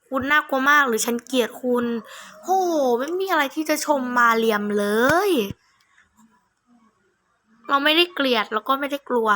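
Female gamer, fairly high and very bright voice; casual playthrough commentary, reads on-screen text, blunt, sweary, mocking. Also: normal speed, pauses often. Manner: blunt, mocking, foul-mouthed. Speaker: gamer playing through a horror game. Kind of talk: casual gameplay commentary, reading game text aloud.

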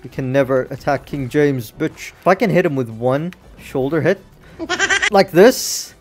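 A young man with a slightly high voice commentates his fighting game live, swearing freely and yelping whenever an attack misses. Faint game music plays behind him. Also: a little slow. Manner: excitable, swears a lot, yells at misses. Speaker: game streamer. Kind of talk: casual gameplay commentary.

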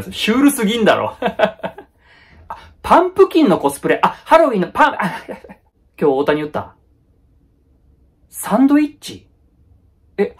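A man with a husky, breathy edge to his voice talks through a comic skit, firing off blunt, rough-edged casual retorts. His pitch leaps and dives constantly. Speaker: comedy YouTuber. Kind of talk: comedic solo skit.

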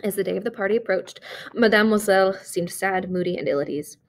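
A woman reading a short story aloud, narrating in a measured, expressive way. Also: medium pitch. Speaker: reader.

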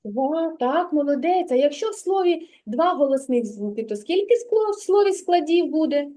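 A woman teaching a young child letters and sounds, speaking patiently and clearly and praising often. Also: high-pitched, animated, normal speed, warm tone. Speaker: kindergarten teacher. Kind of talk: literacy lesson with a child.

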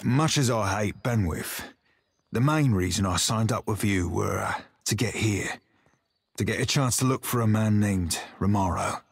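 A man's voice: lowish voice, moderate pace, vocal fry, slightly rough, no room sound. A man voicing a loyal pirate crewman confiding in his captain, earnest and salty. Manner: earnest, salty sailor talk. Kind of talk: video game voice acting.

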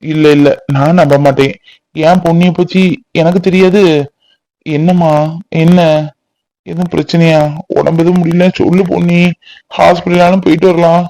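A caring young husband. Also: male voice, a little high, flat delivery, normal speed, gravelly, long pauses, mellow, no room sound, rough recording. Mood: concerned. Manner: soothing, concerned, reassuring. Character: caring young village husband, gently coaxing. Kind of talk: cartoon voice acting.

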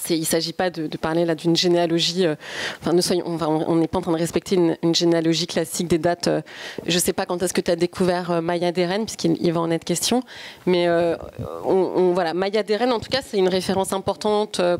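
A woman moderating a live talk in a shop, halting and full of fillers as she steers questions to the guest. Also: fairly low pitch, fairly even intonation, darkish tone. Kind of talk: hosting a public talk.

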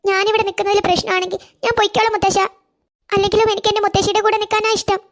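A woman voicing a polite, hurt young girl in a cartoon, soft-spoken. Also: very high-pitched, flat delivery, very fast, voice pushed up.

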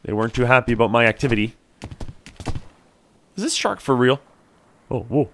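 Male gamer, lively up-and-down delivery, casual gameplay commentary, faint hiss behind. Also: mid-range voice, normal speed. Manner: chatty, animated, talks to game creatures. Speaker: let's play gamer.

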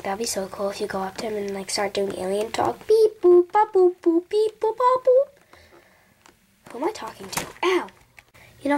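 A teenage girl vlogging to camera, rambling playfully and dropping into whispers between loud bursts. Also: on the high side, slight background noise. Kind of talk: casual vlog chat.

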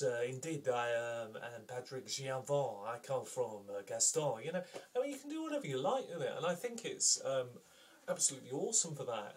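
An enthusiastic man talks straight to a camera in a casual review, rambling and circling back on his points. His voice is picked up from a little distance by the camera mic, at an ordinary mid pitch. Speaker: game reviewer.

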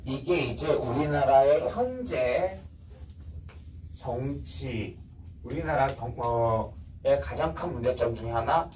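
A man's voice: medium pitch, expressive, takes it slowly, darkish tone, recorded from a distance, slight background noise, low-quality recording. A man teaching a casual history lecture, blunt and slangy, stopping often to quiz his students.

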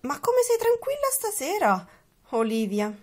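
A woman's voice: very high-pitched, wildly swooping pitch, measured pace, darkish tone, pitched above the performer's own voice, full character voice. A woman voicing a fussy, loving mother with a raised, exasperated tone in a storybook reading. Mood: motherly.

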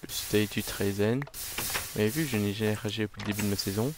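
A man's voice: on the low side, fast talker, noisy background. A man giving casual, self-mocking commentary on his own game, muttering to himself as he plays. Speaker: let's play gamer.

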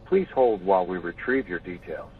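A man's voice on a recorded phone menu message, reading automated prompts in an even, measured way. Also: sits low, distant mic, slight background noise. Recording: tinny phone line from a speaker.

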